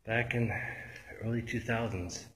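A man exploring an abandoned building, talking in a hushed, cautious voice and often whispering. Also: mid-range voice, fairly even intonation, measured pace, a little hiss or hum. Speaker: urban explorer vlogger. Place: large empty derelict building indoors. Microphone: handheld phone camera.

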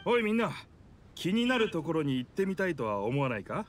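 A boastful, jovial sea creature. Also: male voice, a little high, very animated, very fast, noisy background. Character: hearty male sea creature who ferries heroes, boastful and friendly. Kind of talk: video game dialogue.

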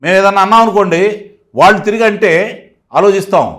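Fast, high-voiced man. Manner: forceful, rhetorical questions. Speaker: political analyst guest. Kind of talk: heated political interview.

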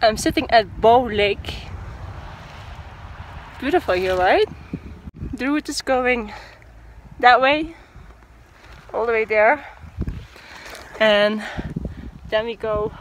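This cheerful young woman films her own hiking vlog outdoors on a mountain trail, speaking slowly with a fairly high, fairly bright tone. Her chatty narration is broken up by laughter, and the handheld camera's mic picks up wind.

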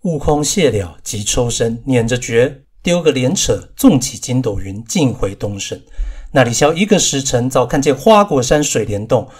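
Man, audiobook narrator, husky voice, measured storytelling, mid pitch. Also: very animated, darkish tone. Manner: measured storytelling, chanting verses slowly. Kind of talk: classical novel audiobook reading.

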